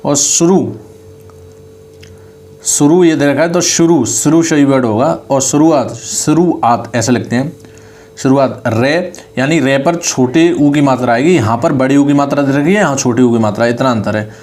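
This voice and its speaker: A man teaching a spelling lesson online, saying each word over and slowly correcting it. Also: mid-range voice, darkish tone. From India. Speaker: online exam-prep Hindi teacher.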